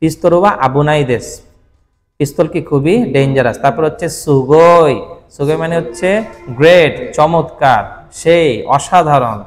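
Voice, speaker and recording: A man's voice: fairly high pitch, measured pace, in a large hall, faint music behind. A man whose first language is Bengali teaches Japanese vocabulary in a patient classroom style, often checking that the listener follows.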